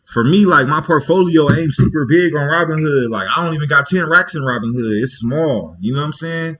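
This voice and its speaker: Hosting a casual livestream, a man talks briskly in a slightly high, somewhat bright voice. He's loose and slangy, rambling and thinking aloud with restarts, and keeps checking in with listeners by asking "you feel me."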